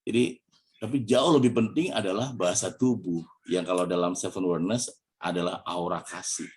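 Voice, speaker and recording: An Indonesian man with a low voice gives a motivational religious talk to an audience. He keeps things chatty, drops in "ya" and puts questions to his listeners. Now and then he acts out different tones of voice to show how intonation changes meaning. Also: steady tone, normal speed, breathy edge. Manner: chatty, peppers lines with "ya", asks the audience questions. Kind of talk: Islamic study talk with motivational coaching.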